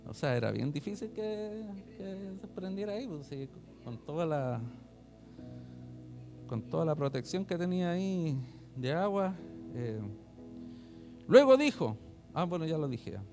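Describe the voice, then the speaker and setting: Music plays in the background as a man with a slightly high voice preaches an online sermon at a measured pace, pausing often. This pastor reads scripture loudly and animatedly, then unpacks it in chatty asides for the church's online service.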